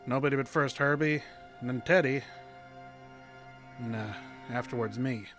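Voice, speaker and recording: A man's voice: mid-range voice, moderate pace, music in the background, lightly acted. An actor playing Buck, a folksy small-town young man who narrates a creepy tale in old-time radio drama style. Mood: narrating.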